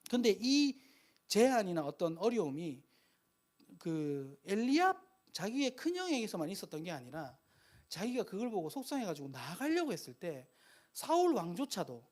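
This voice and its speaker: A man's voice: high-pitched, big pitch swings, normal speed, a little mellow. A man giving a chatty, conversational sermon at a live worship meeting, stopping to correct himself and laughing at his own slips.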